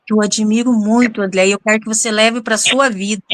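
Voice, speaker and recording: A woman hosting a show, telling a story to her audience in a dramatic, animated way and often turning to speak to them directly. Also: mid-range voice, fairly quick, no echo. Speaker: show host and interviewer.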